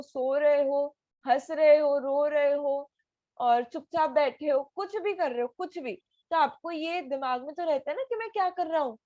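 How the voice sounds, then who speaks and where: A woman's voice: high voice, a little mellow, no echo, highs cut off. A woman teaching an online class for children, patiently asking them questions over a video call. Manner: patient, asks many questions.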